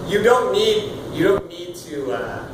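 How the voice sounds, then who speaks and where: A man in his thirties leading a casual singing workshop, loud and animated, swearing now and then and demonstrating sounds as he explains. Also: sits high, slow. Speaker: vocal coach. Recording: roomy, far from the mic, with room noise.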